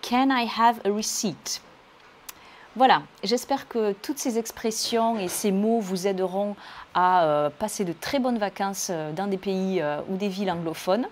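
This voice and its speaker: A woman's voice: mid-range voice, normal speed, darkish tone, slight background noise. A woman teaching English, explaining words and pronunciation carefully, one point at a time. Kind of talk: language lesson explanation.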